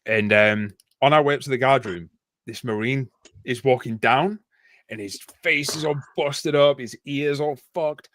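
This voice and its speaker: A man's voice: mid-range voice, measured pace, fairly bright tone, no room sound. Rambling Yorkshire man telling a story. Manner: rambling, laughing, swearing often. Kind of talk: casual storytelling.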